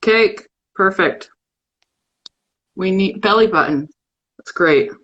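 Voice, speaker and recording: A woman's voice: medium pitch, takes it slowly, a bit bright, lo-fi sound. Casual woman host of a live-stream show, playful and chatty, on a phone or webcam mic. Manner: chatty and playful, reading a fill-in word game aloud.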